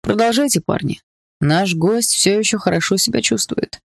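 A man's voice: high voice, moderate pace, gravelly, husky, dry recording, studio quality, voice pushed up, heavily acted. A man playing a silky, cruel stepfather villain. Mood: cold menace. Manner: mock-gentle, fatherly menace. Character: smooth cruel middle-aged stepfather villain.

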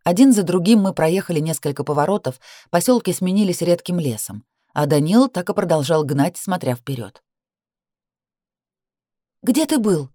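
A woman reading a romance novel aloud in an expressive narrating voice. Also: fairly quick, no echo, studio quality. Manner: expressive reading, rising high for the heroine's cries. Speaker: audiobook narrator.

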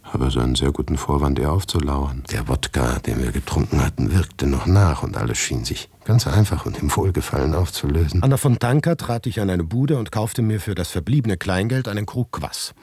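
A man's voice: extremely low pitch, expressive, brisk, hardly any pauses, a little mellow, slightly rough, no room sound. A man narrating a radio play in the first person, tense and sometimes dropping into whispers.

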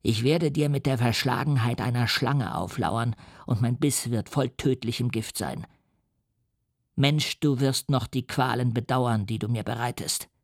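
A man's voice: medium pitch, no echo, studio quality. A man voicing a brooding, vengeful creature. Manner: menacing, slow and brooding. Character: vengeful, lonely male creature, huge and bitter. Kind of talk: radio play reading.

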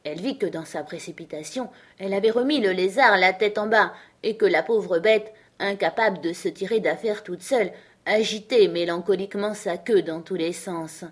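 A woman narrating a classic storybook as an audiobook, calm and measured. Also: medium pitch, breathy edge.

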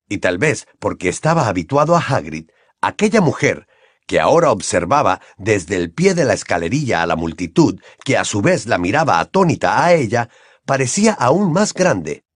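A man narrating a fantasy novel aloud in an expressive, lively reading. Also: medium pitch, no echo, studio quality. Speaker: audiobook reader. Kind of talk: storybook narration.

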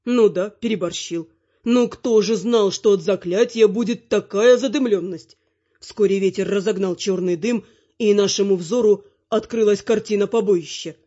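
A woman reads a fantasy audiobook aloud in an even, expressive storytelling voice of middle pitch. The recording sounds slightly dull, with its highs muted. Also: moderate pace. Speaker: audiobook narrator.

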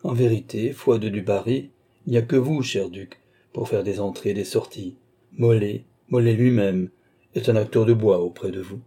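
A man voicing a sharp-witted countess in an audiobook, ironic and needling. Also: lowish voice, moderate pace, slightly rough. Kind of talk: audiobook character voice.

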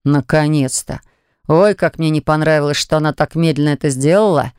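A man's voice: a little high, a little fast, a little mellow, dry recording. A man narrating a first-person audiobook in a wry, sardonic manner, close to the mic. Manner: wry, sardonic, gruff in dialogue.

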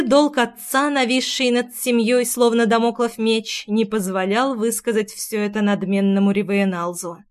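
A woman narrating a first-person audiobook in an intimate, emotional reading. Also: a little high.

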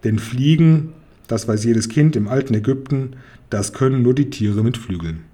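A man reading a children's audiobook as narrator, telling the story in a lively way. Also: medium pitch, moderate pace.

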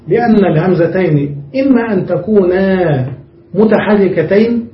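A man teaching an Arabic grammar lesson, explaining each step and checking that his students follow. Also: sits high. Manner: explains step by step, often checks understanding with the class. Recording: roomy, muffled recording from a distance.

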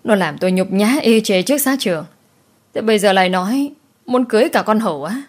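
A woman's voice: mid-range voice, expressive, brisk, natural voice. A woman voicing an angry old village chief who scolds his son harshly through gritted teeth. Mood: indignant. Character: stern furious old village chief father.

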